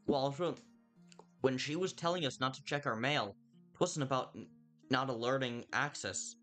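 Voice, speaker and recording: Streaming a game, a chatty young man reacts to his viewers' messages, reading the chat out loud in a mock-exasperated way during a casual livestream. His medium-pitched, slightly bright voice moves at a moderate pace, a little tired and dry-mouthed, over soft background music.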